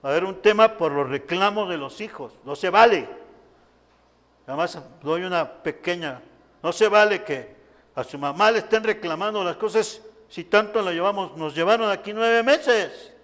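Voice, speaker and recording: In a sermon, a man with a fairly bright voice pitched high for a male preaches emphatically at normal speed. He repeatedly turns to the congregation and calls out to them, and the church hall's long reverb trails each phrase.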